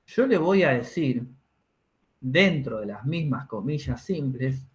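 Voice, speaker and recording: A man with a mid-range voice and lively intonation teaches a classroom lesson, taking it slowly. He explains each step and checks his students' understanding with tag questions.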